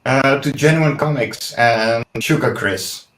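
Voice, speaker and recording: A man's voice: mid-range voice, takes it slowly, fairly bright tone. Chill guy hosting a drawing stream, roomy mic, little bit of hiss. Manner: easygoing, friendly greetings. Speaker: host. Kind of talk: casual chat on a live stream. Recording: roomy webcam mic, faint noise.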